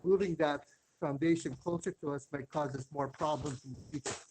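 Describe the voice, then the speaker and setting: A man giving a halting, hesitant public comment at a hearing, heard faintly over a phone on speakerphone. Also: on the high side, steady tone, a little mellow, slight background noise. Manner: hesitant, halting with many fillers and restarts. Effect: heard over a phone line, faint and distant. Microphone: phone on speakerphone, away from the mouth.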